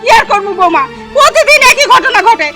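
A woman playing a quick-tempered stepmother and mother-in-law who nags and shouts at her household. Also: expressive, over music. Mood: scolding. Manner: shrill, scolding, nagging. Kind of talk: village comedy drama acting.

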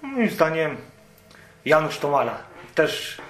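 A man's voice: on the high side, sing-song, slow pace, a bit bright. A man being interviewed as a guest, answering modestly in short, guarded replies and keeping some things to himself. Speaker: guest, amateur football goalkeeper. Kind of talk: casual interview. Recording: roomy sound with faint noise.

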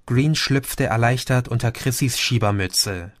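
A man reading a science fiction audiobook as narrator, in a calm, measured storytelling manner. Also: medium pitch, no echo, clean studio sound. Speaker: audiobook reader. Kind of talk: scripted narration.

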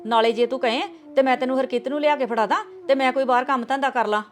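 A woman's voice: high-pitched, steady tone, quick pace, natural voice. A middle-aged actress playing a sweet-talking, scheming mother-in-law in a coaxing, motherly manner. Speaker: actor. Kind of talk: web series drama acting.

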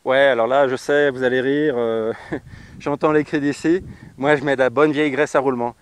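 Standing on a grassy roadside, a French motorcycle travel vlogger in his thirties gives a casual how-to talk to the camera through a lapel mic clipped to his riding jacket. He's blunt and slangy, with lots of fillers, speaking in a steady mid-range voice at normal speed. Slight background noise can be heard.

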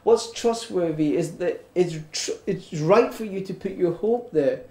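Man, high voice, mellow tone, earnest pastor preaching, echoey church room. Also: a little slow. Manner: earnest, repetitive preaching with stammered restarts. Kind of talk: sermon.

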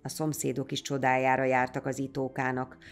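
Low-voiced woman telling a folk tale. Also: faint music behind. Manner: lively, expressive storytelling. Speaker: narrator. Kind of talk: storybook folk tale narration.

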